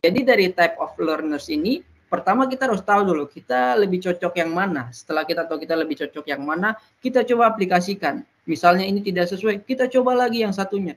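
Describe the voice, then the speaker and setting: A presenter with an expressive, medium-pitched voice gives an educational talk to peers, working through it point by point and pausing often on "nah".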